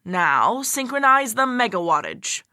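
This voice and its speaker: A woman's voice: a little high, very animated, measured pace, sharp tone, dry recording, studio quality, heavily acted. A woman voicing a scheming female alien disguised as a teacher, bossy and commanding. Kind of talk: amateur audio drama.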